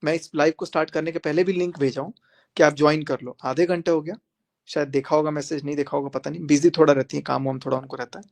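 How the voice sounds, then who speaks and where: A young man streaming live fires back at his critics in a defiant, confrontational monologue, repeating phrases for emphasis. As a social media creator, he talks fast with a slightly high, creaky voice and fairly even intonation.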